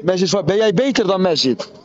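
A man with a high voice taunts a rival over a phone stream, mocking and provocative. He often breaks into chanted, half-sung jabs. The sound has the close, plain feel of a phone microphone. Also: animated, a little fast, lo-fi sound. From Netherlands. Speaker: TikTok live streamer. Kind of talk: taunting live-stream battle chat.

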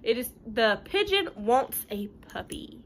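In a living room at home, a woman in her thirties reads a picture book aloud to children in a slightly high, sing-song voice, taking her time. She keeps it chatty and animated, dropping in casual asides that explain things simply. The home recording carries light room noise.

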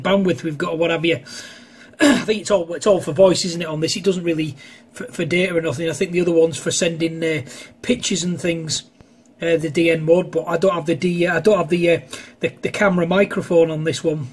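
Chatting on amateur radio indoors at his home station, a man rambles hesitantly in a husky voice on the high side. He keeps a brisk pace and fairly even intonation.

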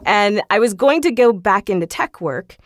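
A voice actor appears as a podcast guest, chatting casually in an interview and laughing easily. Her mid-range voice has lively intonation and a moderate pace, with no room sound.

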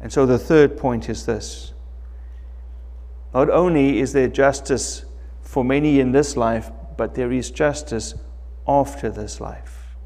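A middle-aged man preaching a sermon as pastor from a lectern in a church sanctuary, slow and emphatic, rising loud and dropping soft. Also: medium pitch, big-room sound. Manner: slow, emphatic preaching with wide swings in loudness.

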